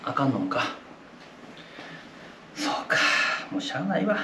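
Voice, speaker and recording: A man voicing a sharp-tongued, exasperated Osaka wife who scolds and nags her husband, with an Osaka accent. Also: medium pitch, big pitch swings, moderate pace, noisy background, pitched below the performer's own voice, lightly acted. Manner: scolding, nagging. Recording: roomy echoey room.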